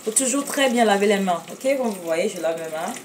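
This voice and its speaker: In her home kitchen, a Cameroonian woman with a Cameroonian French accent hosts a casual cooking demonstration, her mid-range voice animated and brisk. She speaks hesitantly, filling pauses and correcting herself, and addresses viewers with affection. The mic is far away and background noise is heavy.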